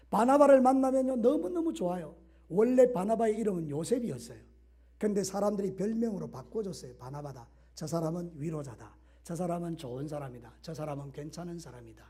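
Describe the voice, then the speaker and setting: A middle-aged male pastor preaching a sermon, swinging from loud exhortation to soft asides. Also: high voice, animated, fairly quick, slightly rough. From Korea.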